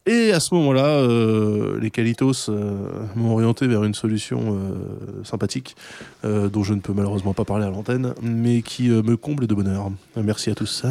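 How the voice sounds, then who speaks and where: A man co-hosting a casual broadcast chat, going off on lively tangents and swearing casually. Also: lowish voice, moderate pace, vocal fry. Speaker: co-host. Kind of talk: casual hip-hop podcast chat.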